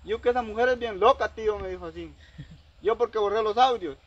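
A man's voice: high voice, quick pace, dull audio, slight background noise. Rambling man telling a story. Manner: rambling, heavy use of quoted dialogue. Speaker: storyteller recounting a personal dispute. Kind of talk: casual storytelling.

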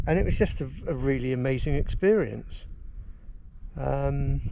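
An Englishman in his forties paddles a kayak down a river, chatting to a boat-mounted action camera in a gravelly, medium-pitched voice. As an outdoors vlogger, he narrates casually and enthusiastically, relaxed and full of ums and uhs.

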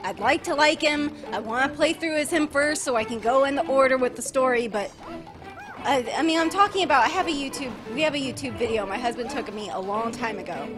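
A young woman with a high voice talks through a live gameplay stream, rambling and exasperated, breaking into shouts. Her voice sounds worn from screaming, and game music plays clearly behind her. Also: brisk.

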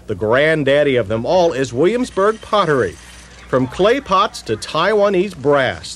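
A man narrating a scripted car review voice-over with a lively, wry delivery. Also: a little high, slight background noise.

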